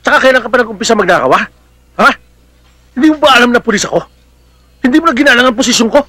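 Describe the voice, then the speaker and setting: A man's voice: extremely high pitch, lively intonation, rapid-fire, bright, forceful tone, no echo, heavily acted. An actor playing a protective, hot-headed middle-aged policeman uncle in a Filipino film drama, with a Filipino accent and a blustery, affectionate manner. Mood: scolding. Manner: blustery, scolding yet affectionate.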